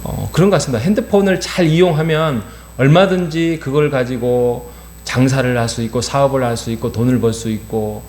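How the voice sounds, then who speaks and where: A middle-aged male pastor preaching at a dawn service, his earnest voice sitting at an ordinary pitch. He leans on fillers and rhetorical questions as he talks. The sound rings around a roomy church sanctuary over a faint electrical hum. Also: brisk, a little mellow. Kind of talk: early-morning sermon.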